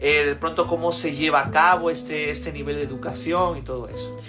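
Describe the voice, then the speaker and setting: A man's voice: a little high, fairly even intonation, fairly quick, over music. A man hosting a talk show, chatty and informal, with many fillers and questions. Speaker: host.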